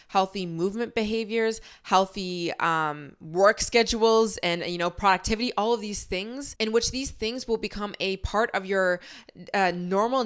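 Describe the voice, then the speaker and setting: A young woman in her twenties hosts a podcast, delivering a candid, casual motivational pep talk packed with rhetorical questions and the occasional swear word. Her voice is mid-range with a clean tone.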